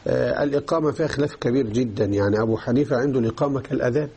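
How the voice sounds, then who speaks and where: A man's voice: mid-range voice, very fast, dark tone, husky. A man teaching Islamic jurisprudence, explaining a text and often checking that his students are following. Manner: explanatory, checks understanding with repeated questions. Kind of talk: religious lesson explaining a text.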